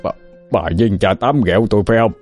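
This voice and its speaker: A man's voice: lowish voice, a little slow, mellow. A man voicing a tearful old village husband who stammers and pleads, with faint music behind. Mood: sulky.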